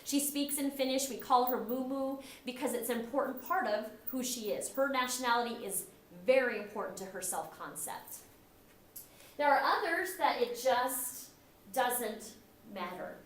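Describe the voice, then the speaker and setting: Teaching at a moderate pace, a middle-aged woman from the US speaks in a slightly high voice, keeping her classroom lecture conversational and often acting out quotes. Slight background noise accompanies the echoey room in this recording.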